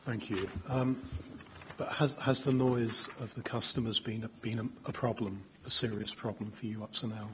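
A middle-aged man asking questions as a councillor at a public meeting, halting and repeating his words. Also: fairly low pitch, fairly even intonation. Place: council meeting chamber, indoors. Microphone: gooseneck desk microphone. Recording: faintly noisy meeting room pickup.

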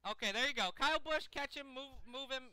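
A young man reacting live to a race as channel host, excitable and swearing as he pleads with the drivers. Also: extremely high pitch, quick pace, dry recording.

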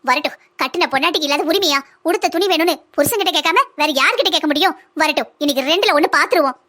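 A woman's voice: very high voice, very fast, sharp tone. A woman voicing an aggrieved village mother in a cartoon, with a southern Tamil accent, lamenting and scolding at length. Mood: resolute. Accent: southern Tamil (Kanyakumari-Tirunelveli). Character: aggrieved village mother, brooding and sharp-tongued. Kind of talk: cartoon voice acting.

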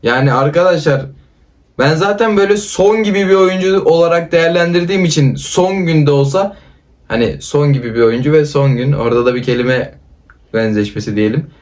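Excitable man shouting gameplay commentary. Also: on the high side, a little fast. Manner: excitable, shouts player names. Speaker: gaming YouTuber. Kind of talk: casual gameplay commentary with a friend.

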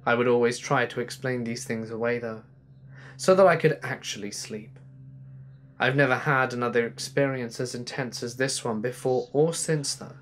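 A man reading a first-person ghost story aloud in a steady, measured storytelling manner. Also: mid-range voice, slight background noise.

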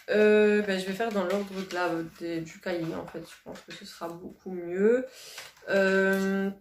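A woman beauty vlogger chatting casually to camera, gushing and repeating words for emphasis. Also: mid-range voice. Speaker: beauty vlogger unboxing a box. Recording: roomy echo, faint hiss.

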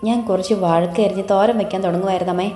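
A woman voicing a reassuring young married daughter in an audiobook story, gentle in manner. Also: fairly low pitch, fairly even intonation, racing, echoey room, in a large hall, faint music behind, close to an everyday voice.

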